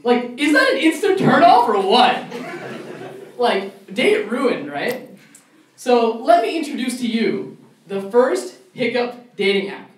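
A man's voice: extremely high pitch, wildly swooping pitch, takes it slowly. A young man doing a stand-up comedy set at a college club show, ranting in mock outrage. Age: young adult. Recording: echoey room, mic far off, faint noise.

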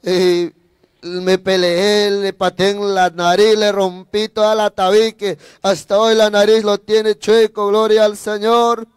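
A man's voice: high voice, level tone, slow pace, clear, resonant tone, no room sound, clean studio sound. A man giving a fervent sermon testimony as an evangelist preacher, repeating phrases, breaking in with praise, and speaking straight to his listeners. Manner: addresses listeners directly.

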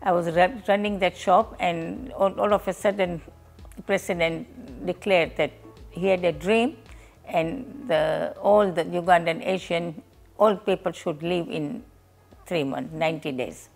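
An older woman recalls her past in an interview at home. Her voice is gravelly and fairly low. She restarts some phrases as she remembers. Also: fairly even intonation, unhurried, a little mellow, faint music behind.

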